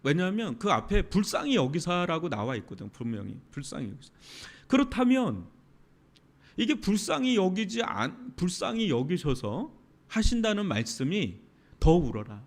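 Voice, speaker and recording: Animated Korean pastor preaching. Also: male voice, sits high, normal speed, vocal fry. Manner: animated, dramatic preaching with sudden loud outbursts and soft drops. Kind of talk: sermon.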